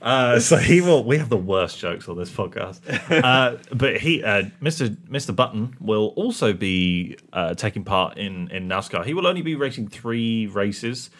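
A man's voice: lowish voice, animated, moderate pace, hardly any pauses, a bit bright. A man co-hosting a podcast, chatting casually and rambling through tangents with self-mocking jokes. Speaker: podcast co-host. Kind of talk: casual chat.

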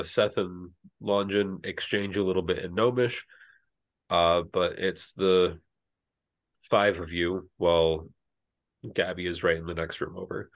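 A man narrates a tabletop game as game master. His voice sits very low and he talks slowly. He fills the pauses with plenty of ums and uhs. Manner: unhurried, with many fillers.

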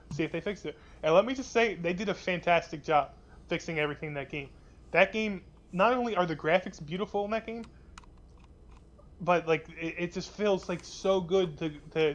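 A young man with a slightly higher voice co-hosts a casual gaming chat show. He rambles, restarts his sentences and swears freely while he talks. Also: fairly bright tone, muffled recording. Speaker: podcast co-host.

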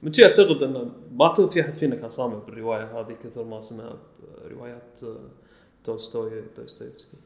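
A man's voice: medium pitch, racing, creaky, echoey room. A man, co-hosting a podcast in casual chat, speaking thoughtfully with some hesitation. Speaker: podcast co-host.

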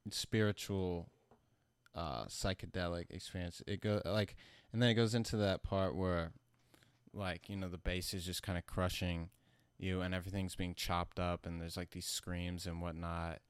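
A man who sounds high, talking casually about his music in a rambling, slangy, profane stoner manner. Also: flat delivery, normal speed, clean tone, dry recording. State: high from smoking. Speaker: musician being interviewed about own album. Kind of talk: casual chat.

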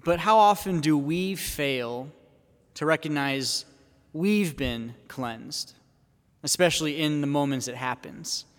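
A man, a priest, giving a Sunday homily at a pulpit microphone in a church, speaking in a measured way and posing questions to the congregation. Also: fairly high pitch. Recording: long church reverb.

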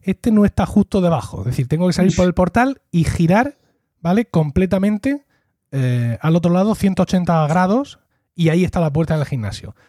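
A man's voice: high voice, lively intonation, moderate pace, mellow, no room sound, studio quality. A middle-aged man hosting a podcast, chatting casually and acting out quoted dialogue as he tells a story. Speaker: podcast host. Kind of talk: casual chat.

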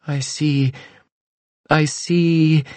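A man voicing a female fortune teller in a prophetic trance, chanting in a high, drawn-out, wailing voice. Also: steady tone, a little mellow, dry recording. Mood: entranced.

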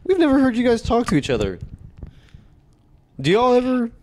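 A man's voice: extremely high pitch, wildly swooping pitch, moderate pace, a little mellow. A man co-hosting a comedy podcast, teasing and laughing through casual banter. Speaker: podcast co-host.

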